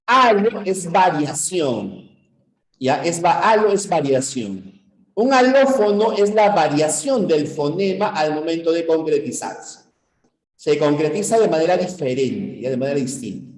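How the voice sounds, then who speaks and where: A man from Peru gives a university-prep lecture at a board, his voice sitting a little high for a man. He explains things step by step and keeps checking in with short questions to the class. The room is echoey around him. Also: mellow. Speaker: teacher.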